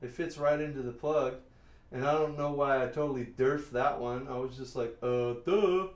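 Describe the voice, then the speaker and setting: A man's voice: mid-range voice, flat delivery, moderate pace. A middle-aged man chatting casually on a live stream, rambling and answering viewers as he works in a warehouse workshop. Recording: roomy sound, mic at a distance.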